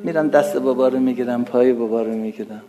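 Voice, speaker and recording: A man's voice: medium pitch, fairly even intonation, loud music behind the voice. A middle-aged man with an Azerbaijani Turkish accent, from Iranian Azerbaijan, preaching a sermon in an emotional, dramatic storytelling manner. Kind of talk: religious sermon.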